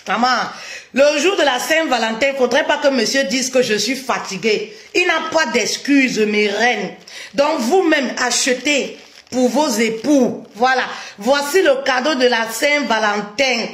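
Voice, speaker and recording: Slow-talking woman hosting a live stream. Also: high-pitched, fairly bright tone. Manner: chatty, repeats greetings over and over. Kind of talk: casual live-stream chat.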